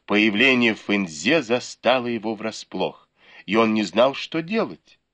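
A man reading an audiobook narration in an expressive storytelling manner. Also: fairly low pitch, unhurried. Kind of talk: scripted narration.

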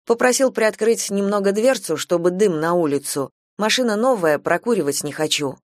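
A woman narrating a literary audiobook in a calm, measured way. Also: medium pitch, dry recording, studio quality.

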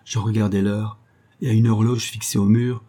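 A man reading as a distressed young army lieutenant, low and husky. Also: level tone, normal speed, mellow, lightly acted. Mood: tense. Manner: earnest first-person storytelling. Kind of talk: audiobook reading.

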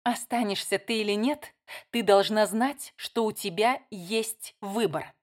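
A woman's voice: medium pitch, unhurried, lightly acted. A woman reading a novel aloud, voicing a heated, insistent younger sister.

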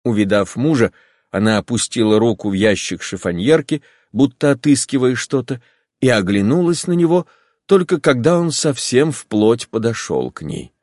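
A man's voice: mid-range voice, expressive, normal speed, darkish tone, no echo, studio quality. A man narrating a classic novel as an audiobook, reading with feeling.

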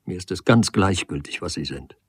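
A man reading the part of a proud young woman who speaks in a sharp, reproachful way in a storybook reading. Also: lively intonation, moderate pace, slightly rough, dry recording. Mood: cold. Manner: sharp, reproachful, rising pitch.

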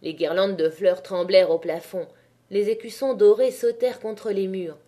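Woman reading a novel in a mellow voice. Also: medium pitch. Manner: measured, expressive. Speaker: audiobook reader. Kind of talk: literary audiobook narration.

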